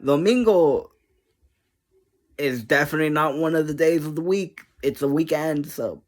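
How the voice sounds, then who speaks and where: This is an online creator with a medium-pitched voice and moderate pace, chatting casually to viewers. The talk is rambling and easily distracted, full of energy, giggles and self-deprecating humor.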